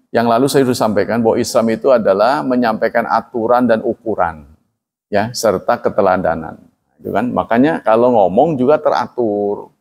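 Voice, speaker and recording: A man preaches a religious lecture to a congregation, his creaky, mid-range voice delivering it plainly and evenly; he describes himself as flat-spoken. He often asks listeners to agree with him. Long hall reverb surrounds the recording.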